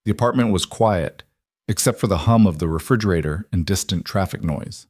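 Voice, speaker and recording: A man reading a scripted story aloud in an even, measured way. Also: deep voice, breathy edge, dry recording, studio quality. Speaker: narrator. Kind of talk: scripted audiobook narration.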